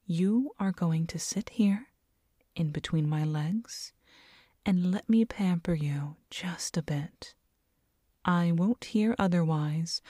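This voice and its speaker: A woman playing a doting, teasing girlfriend in an ASMR role-play, speaking slowly and tenderly, right in the listener's ear. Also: lowish voice, no room sound. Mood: coaxing, doting. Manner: close-up soft-spoken right in the listener's ear; slow, tender, coaxing. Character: doting, teasing, nurturing girlfriend soothing her partner. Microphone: very close binaural microphone.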